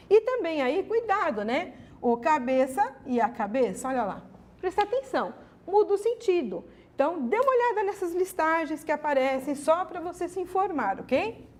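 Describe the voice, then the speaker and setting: A woman teacher with a Brazilian accent giving an exam-prep grammar lesson. She asks herself her students' questions and answers them, and keeps checking with tags like "ok?". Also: high voice. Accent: Brazilian Portuguese. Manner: lively, emphatic, many "ok?" and "né?" tags.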